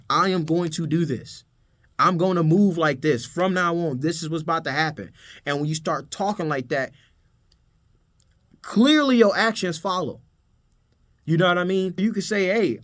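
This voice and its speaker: Brief: male business coach, a bit high-pitched, street slang, repeats himself, hypes the viewer. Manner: casual slangy, emphatic, repeats words, addresses viewer as bro. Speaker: photo booth business owner and coach. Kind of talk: motivational business talk.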